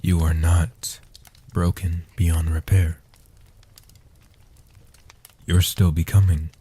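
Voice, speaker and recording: Low, dark and husky, the breathy half-whisper of a man playing an age-old protective vampire offers tender, reassuring comfort in a soft-spoken audio roleplay. He speaks slowly with a level tone and an exaggerated voice, frequently dropping toward a whisper.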